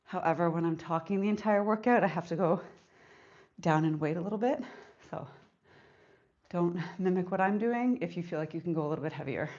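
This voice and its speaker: A woman's voice: lowish voice, a little fast, a little mellow, lo-fi sound. A woman fitness instructor leading a live workout, counting reps aloud and getting out of breath between sets.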